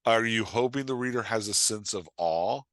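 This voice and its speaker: A podcast guest who works as a coach gives casual, blunt craft talk in a fairly low voice at a moderate pace. He is emphatic and animated, often performing imagined readers' reactions, and leans on "like" and "right?". The recording is studio quality with no room sound.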